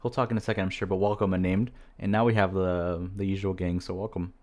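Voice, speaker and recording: A man's voice: low-pitched, level tone, quick pace, a little mellow. A man hosting a casual livestream, chatty and apologetic, laughing often as he talks with guests. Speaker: livestream host. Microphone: desk mic.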